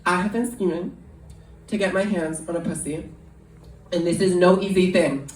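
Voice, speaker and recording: A woman doing a stand-up comedy set live, deadpan and self-mocking, often laughing at her own lines. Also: lowish voice, moderate pace, slight background noise. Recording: echoey live room, distant mic, loud crowd.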